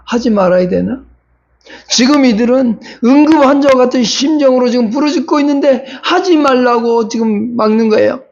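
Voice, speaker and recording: High, gravelly preaching pastor. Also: male voice, a little mellow, muffled recording. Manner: preaching with rhetorical questions to the congregation, rising in urgency. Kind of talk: sermon.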